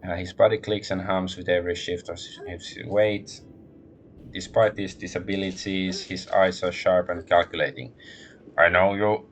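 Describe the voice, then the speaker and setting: A deep, low-voiced man streaming a video game and reading its text aloud. He is relaxed and unhurried, thinking aloud with small fillers between lines. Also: slight background noise.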